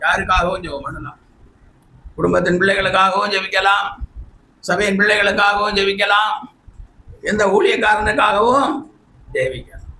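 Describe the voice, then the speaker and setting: Male preacher, recovering from illness, high-pitched bright delivery, faint room ambience. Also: level tone, moderate pace, pauses often, slight background noise. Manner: fervent preaching, often shouting hallelujah. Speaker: pastor. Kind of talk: sermon. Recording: echoey church hall, faint ambience.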